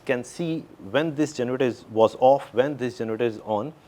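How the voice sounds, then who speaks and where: A man's voice: mid-range voice, a little fast, dark tone. Male, middle-aged, Pakistani accent, medium register. Executive guest in a conversational interview. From Pakistan and the Middle East, mainly Saudi Arabia. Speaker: interview guest, company CEO.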